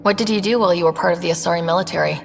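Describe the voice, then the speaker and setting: Voicing an earnest, inquisitive young female explorer in conversational video game dialogue, a woman sounds curious and friendly. Her voice is gravelly and fairly low, and she talks very fast. The recording has a long reverb with music playing behind.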